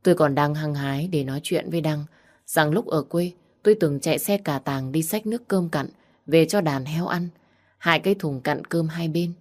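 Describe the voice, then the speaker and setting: A woman reading a first-person story aloud with earnest, heartfelt delivery. Her voice is notably low for a woman. The reading is steady and sincere. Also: moderate pace. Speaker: audiobook narrator.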